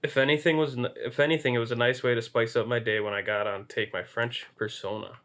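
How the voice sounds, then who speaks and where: A man's voice: mid-range voice, steady tone, fast talker, fairly bright tone. A man co-hosting a podcast, reading a story aloud and laughing now and then as he reads. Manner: amused, laughs while reading. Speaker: podcast co-host.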